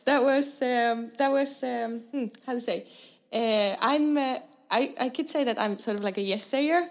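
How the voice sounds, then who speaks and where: A woman's voice: fairly high pitch, normal speed. A young woman from Finland, a designer guest, telling her story in a casual interview with lots of fillers, restarts and laughter. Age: young adult.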